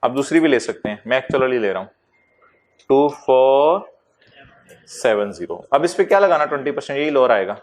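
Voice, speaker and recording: A man lecturing a tax class, with lively asides and English terms mixed into his explanations. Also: mid-range voice, racing, few pauses.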